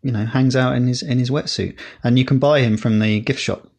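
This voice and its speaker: Rambling man, gravelly. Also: mid-range voice, fairly even intonation, brisk, darkish tone. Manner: rambling, hesitant, many fillers. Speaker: podcast co-host. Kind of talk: casual chat.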